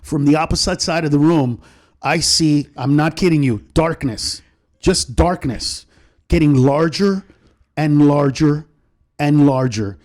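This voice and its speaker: Man, middle-aged comedian, fast profane storyteller, slightly high voice, acts out voices. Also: a little mellow. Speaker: comedian guest. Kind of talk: animated storytelling in a podcast chat.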